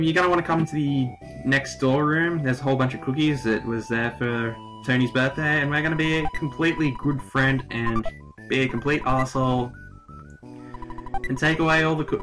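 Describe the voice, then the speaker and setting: A young Australian man recording casual, crude, joking commentary over a game, reading the characters' lines aloud. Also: medium pitch. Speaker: let's play commentator.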